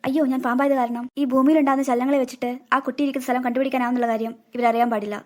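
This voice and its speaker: A cartoon snake queen disguised in human form, played by a woman speaks in a high voice at a rapid clip. She is gentle and motherly with lost children but guards her secret. Her lines come out quick and bright. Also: steady tone, natural voice. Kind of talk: cartoon voice acting.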